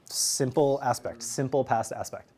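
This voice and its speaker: A man's voice: mid-range voice, unhurried, a little mellow, husky. A man teaching a Greek grammar class, drilling students and joking with them. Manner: drills students, jokes and laughs. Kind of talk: classroom lesson.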